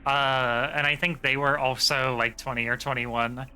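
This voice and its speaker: Bright-voiced woman streamer, casual and profane. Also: extremely low pitch, fairly even intonation, moderate pace, smooth. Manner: rambling, swears freely, frequent fillers. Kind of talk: casual live-stream chat.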